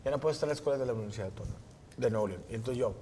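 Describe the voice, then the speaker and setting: A man from Monterrey, a podcast host telling a story in casual, profane, animated talk and acting out other people's lines. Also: mid-range voice, very fast, slight background noise. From Monterrey, Mexico.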